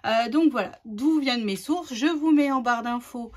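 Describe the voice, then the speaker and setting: A chatty woman hosts a casual craft tutorial, her voice sitting a little high. She rambles along with plenty of fillers and restarts as she explains her steps. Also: normal speed.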